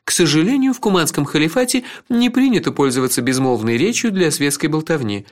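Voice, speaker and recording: A man's voice: fairly high pitch, pitched above the performer's own voice. A man doing a sly, teasing worldly companion. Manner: knowing, teasing, instructive.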